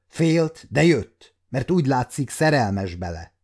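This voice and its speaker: A scheming courtier who speaks of his tricks slyly and plainly, voiced by a male audiobook reader. The voice is dark and mellow. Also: mid-range voice, sing-song, pitched above the performer's own voice. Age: 50s. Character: scheming courtier, adult man.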